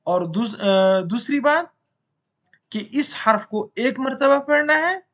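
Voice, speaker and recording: A man's voice: extremely high pitch, lively intonation, slow pace, fairly bright tone. A man teaching beginners to read, with an Urdu accent, drilling syllables one at a time with patient repetition and checking that the listener understands. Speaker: Quran reading teacher. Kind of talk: recorded lesson for beginners.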